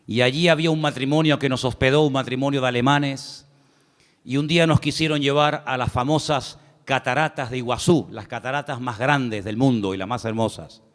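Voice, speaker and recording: A man's voice: mid-range voice, steady tone, brisk. A man preaching a sermon as pastor, telling a personal story and reading scripture aloud, calling the congregation brother and asking for amens. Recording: long hall reverb.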